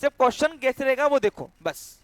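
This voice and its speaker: Teaching an accountancy lecture, a man explains entries step by step, repeatedly checks that students follow, and acts out a cash handover with one of them. His very high-pitched voice is animated, clear, and resonant, at a fairly quick pace, with no room sound.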